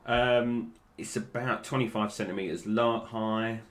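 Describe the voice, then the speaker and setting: A man's voice: fairly low pitch, fairly even intonation, measured pace. A British man giving casual, unscripted toy review commentary, with slightly slurred, toothless articulation that stumbles over names.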